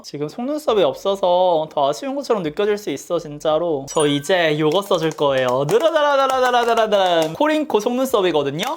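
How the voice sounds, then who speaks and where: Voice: medium pitch, slight background noise. A beauty vlogger chatting casually through a makeup tutorial, talking to themself and often breaking into surprised exclamations. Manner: chatty, talks to self, frequent surprised exclamations.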